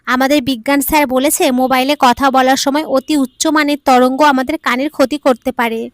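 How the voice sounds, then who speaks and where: A childlike, innocent young bride chatters away in a bright high voice, as a woman narrator puts her on. She is playful and naive, heard in a dry, close audio-story recording. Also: steady tone, brisk, dry recording, lightly acted. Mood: chatty.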